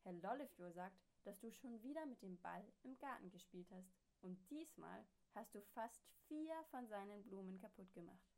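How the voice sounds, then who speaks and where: A woman voicing an easy-going father in a children's story, speaking briskly and a little louder than the narration. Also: mid-range voice, animated, close to an everyday voice.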